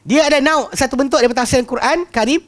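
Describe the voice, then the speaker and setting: A man with a Malaysian Malay accent teaching a religious class, telling lively anecdotes, often laughing and repeating words. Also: very high voice, racing. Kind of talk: lecture with humorous anecdotes.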